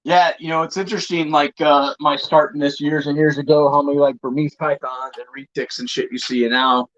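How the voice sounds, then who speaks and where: A man who breeds reptiles, a guest, chatting in a relaxed way and often saying "man". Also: fairly high pitch, a little fast, lo-fi sound. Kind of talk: casual chat.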